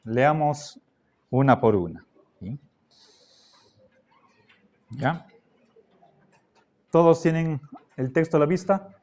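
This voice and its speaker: A middle-aged man gives a classroom lecture, his voice sitting a little high. He talks very slowly and patiently. He keeps pausing to check that the students are following. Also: expressive, darkish tone. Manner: slow, patient, checks in with frequent "¿sí?" and "¿ya?". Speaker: philosophy teacher.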